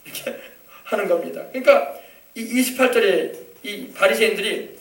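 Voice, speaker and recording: A male pastor giving an animated sermon, often checking in with the congregation with short questions. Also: sits high, moderate pace, echoey room, far from the mic. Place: church sanctuary.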